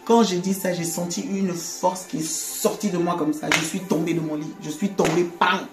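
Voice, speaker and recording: A woman giving a conversational faith testimony, animated, laughing often and repeating words. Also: on the low side, moderate pace. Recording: echoey room with faint music.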